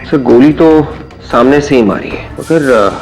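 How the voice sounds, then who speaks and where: A man's voice: medium pitch, a little slow, over music, lightly acted, poor audio. An actor playing a junior police officer who speaks deferentially and raises questions to his superior. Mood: puzzled. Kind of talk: TV crime drama acting.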